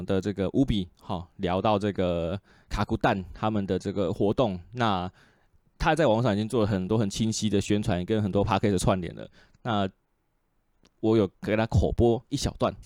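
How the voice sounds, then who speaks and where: A man with a Taiwanese Mandarin accent hosting a podcast, talking in a relaxed, chatty way full of fillers. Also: lowish voice, no room sound, studio quality. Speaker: podcast host. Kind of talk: casual podcast chat.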